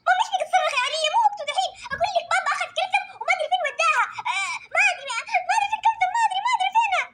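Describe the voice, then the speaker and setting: Woman voicing a little girl, very high, bright, rushed, whiny game role-play, faint noise. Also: lively intonation. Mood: frantic. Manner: whiny, squealing, rapid pleading. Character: mischievous little girl trapped and panicking.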